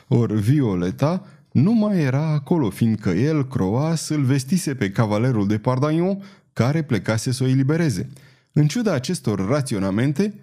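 A man narrating an audiobook in an expressive storytelling manner. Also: mid-range voice. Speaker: audiobook reader.

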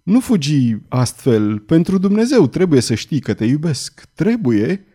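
A man's voice: on the high side, big pitch swings, dark tone. A man voicing an urgent, lovesick noble duke who pants as he pleads, in a read-aloud story. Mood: insistent. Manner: panting, urgent.

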